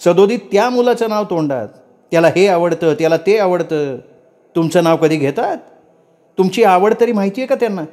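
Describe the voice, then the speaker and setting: A man doing a shrill, bitter young mother. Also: animated, normal speed. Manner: sharp, sarcastic, raised voice.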